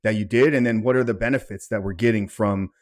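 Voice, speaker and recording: A man's voice: fairly low pitch, fairly even intonation, fast talker. A man hosting a podcast as a coach, asking casual questions with stammering repetitions. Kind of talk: interview questions.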